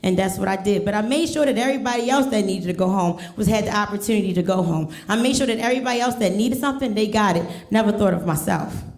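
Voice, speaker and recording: A woman's voice: medium pitch, quick pace, few pauses, darkish tone. A woman teacher telling a personal story on stage, earnest and emphatic, leaning on repeated refrains. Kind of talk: live storytelling. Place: museum event hall with audience. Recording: echoey room.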